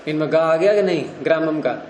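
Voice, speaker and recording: A man's voice: on the high side, a little fast, a little mellow, a little hiss or hum. A man teaching Sanskrit grammar to a class, explaining rules and quizzing his students. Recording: roomy echo.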